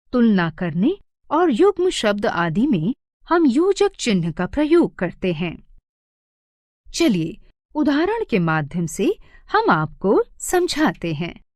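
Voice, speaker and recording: A woman narrating an animated grammar lesson for children as a teacher, speaking expressively and stressing each example sentence. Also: fairly high pitch, no echo, clean studio sound.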